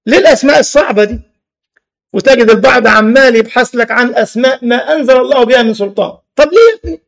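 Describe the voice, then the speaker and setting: Rapid-fire and very high-pitched with vocal fry, an Egyptian preacher with an Egyptian Arabic accent gives a lively religious lesson. He peppers it with rhetorical questions and humorous stories, laughing at his own anecdotes.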